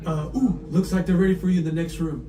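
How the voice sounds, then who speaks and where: Guy guide doing scripted ride preshow spiel, kinda high voice, far from mic w noise behind. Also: steady tone, quick pace. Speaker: theme park attraction guide. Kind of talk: scripted live attraction briefing. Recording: echoey room, distant, noisy.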